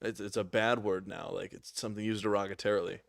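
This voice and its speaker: A man's voice: on the low side, fairly even intonation, vocal fry, dry recording. Young man, podcast co-host, bantering, profane jokes, dry close sound. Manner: banter, quick agreeing interjections, profane jokes. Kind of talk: casual chat.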